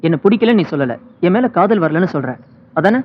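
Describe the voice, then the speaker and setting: An actor playing an earnest, persistent young man who talks softly as he pleads his case. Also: high-pitched, expressive, a little fast. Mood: persuasive. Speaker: film hero. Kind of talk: romantic film dialogue. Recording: dull film soundtrack with loud music.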